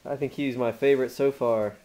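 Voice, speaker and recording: This man speaks in a mid-range voice, steady and warm, a little fast, with slight background noise behind him. He's a father watching his child's puppet show, chatting with the children in a playful, encouraging way and asking them questions, captured on amateur home video.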